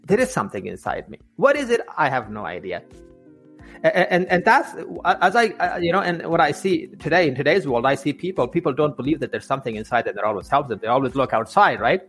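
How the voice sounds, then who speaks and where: A man's voice: fairly high pitch, lively intonation, fast talker, hardly any pauses, a bit bright, husky, soft background music. A man, a life coach, telling his story as a guest in an interview, often repeating words and restarting sentences.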